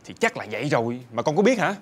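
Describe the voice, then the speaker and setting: Fussy dad, talks super fast, voice jumps all over, soft music behind. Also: male voice, medium pitch, sing-song, slightly rough. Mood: questioning. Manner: fast, exasperated, swoops into exclamations. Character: fussy, excitable middle-aged father. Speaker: father. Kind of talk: TV sitcom acting.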